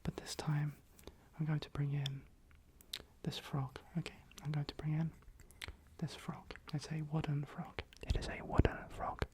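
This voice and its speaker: Someone in a whispered role-play as a calm, attentive clinic assessor, giving instructions softly and breathily and gently repeating phrases. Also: mid-range voice, unhurried. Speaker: ASMR performer.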